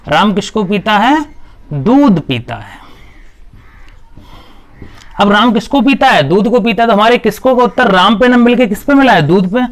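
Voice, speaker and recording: A man teaching a Hindi grammar lesson, asking questions and answering them himself, with a frequent "okay" between points. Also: high voice. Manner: repetitive, asks and answers his own questions. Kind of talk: classroom-style video lesson.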